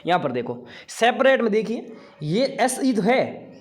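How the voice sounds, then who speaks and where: A man's voice: high voice, sing-song, unhurried. A man teaching an online exam-prep class in casual Hindi with a Rajasthani accent, chatty and repeating himself, often checking in with "ठीक है".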